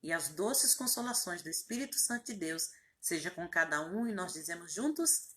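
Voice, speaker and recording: A woman's voice: fairly low pitch, animated, normal speed, fairly bright tone. A woman, a pastor leading a fervent spoken prayer with repeated invocations and rising emphatic phrases.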